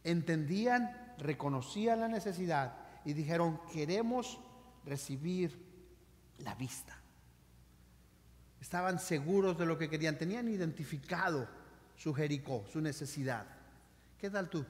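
A male pastor preaches with dramatic swings between loud emphasis and hushed lines. His voice sits high, and the sermon echoes with a long reverb through the church hall. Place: church sanctuary.

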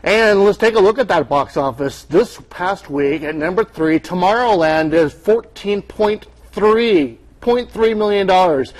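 A man's voice: high voice, rough recording. A man reviewing movies as a film critic on a TV news segment, chatty and wry. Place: TV news studio.

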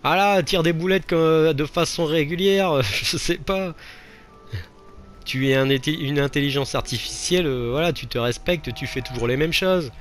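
A man's voice: on the high side, moderate pace, soft background music. A man giving casual let's play commentary, mocking himself and exclaiming at each failed attempt. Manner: self-mocking, exclaims and laughs at his own failures. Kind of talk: gameplay commentary.

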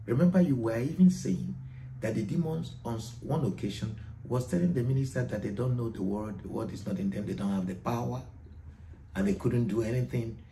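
A man's voice: mid-range voice, fairly quick, warm tone. A man hosting as a minister, prompting his guest with leading questions. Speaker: host and minister. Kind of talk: interviewing a guest. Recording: roomy echo with faint background noise.

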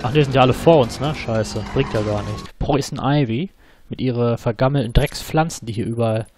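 A man hosting his own gaming channel, giving excitable, slangy let's play commentary and swearing often. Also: mid-range voice, a little fast, breathy edge, soft background music.

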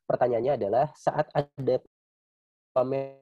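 A man's voice: medium pitch, fairly even intonation, a little slow, narrow, tinny audio. A man moderating an online Q&A over a video call whose audio keeps breaking up and cutting out; he reads questions with frequent hesitations. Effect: choppy, cutting-out audio from a bad connection. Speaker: webinar moderator.

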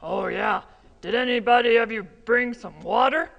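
A cheerful male skeleton puppet, voiced by a woman chirps out friendly tips in a high, bright voice. He sounds upbeat and encouraging. A long reverb hangs behind him in a large room. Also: normal speed, gravelly, dull audio. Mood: cheery. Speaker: puppet character in children's yoga class.

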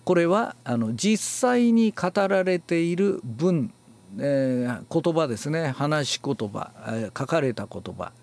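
A male announcing teacher lectures in an unhurried, explanatory way, with frequent filler pauses between phrases. His voice is on the high side and gravelly, and his pitch rises and falls widely as he leans hard on key words. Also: expressive, a little mellow. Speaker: announcing and reading instructor. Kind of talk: spoken lecture on speech theory.

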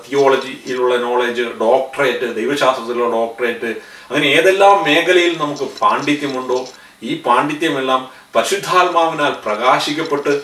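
In a studio before a backdrop, a man in his thirties earnestly preaches a sermon to the camera, gesturing with both hands as his voice climbs on key phrases. His voice sits a little high with a fairly bright tone, and the sound is roomy, captured from a distance.

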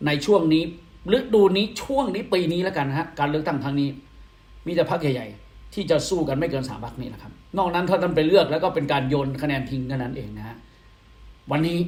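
A man's voice: on the high side, a little mellow, reverberant. A man hosting an online political commentary show, talking to viewers in a rhetorical style and answering his own questions. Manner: rhetorical, asks questions and answers them himself.

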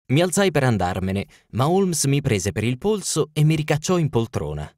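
A man narrates an audiobook in a measured, even way. His voice sits at a middle pitch for a man, and the recording is dry and close with no room sound. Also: no room sound. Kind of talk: scripted narration.

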